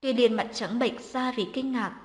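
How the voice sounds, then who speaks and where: A woman narrating a dramatic family story in a steady, scripted reading. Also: on the high side, normal speed, long reverb tail.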